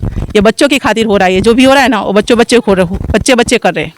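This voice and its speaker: A woman's voice: on the high side, fast, a little hiss or hum. A village woman speaking outdoors into a reporter's handheld mic, pleading and repeating her points. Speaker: village resident interviewed. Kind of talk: street interview.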